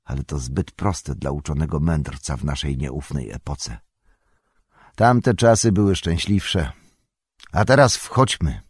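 A man's voice: very deep voice, lively intonation, unhurried, slightly rough, dry recording, clean studio sound, full character voice. A man voicing a commanding old wizard. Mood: reflective. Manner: forceful shouted commands. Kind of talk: audiobook character reading.

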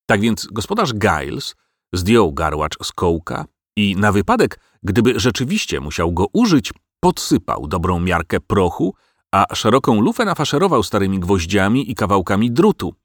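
A man narrating an audiobook in an expressive storytelling manner. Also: fairly low pitch, normal speed, dry recording, studio quality.

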